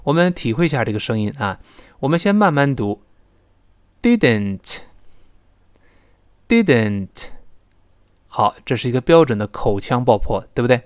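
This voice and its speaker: A man teaching English pronunciation, explaining sounds step by step to listeners and drawing out example words slowly. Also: mid-range voice, animated, no room sound, studio quality.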